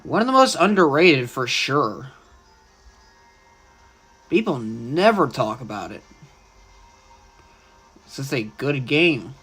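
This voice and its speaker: A man's voice: mid-range voice, sing-song, slow, pauses often, a bit bright, slightly rough, faint music behind. A young man chatting casually and opinionatedly while livestreaming a video game. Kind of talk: live gameplay commentary.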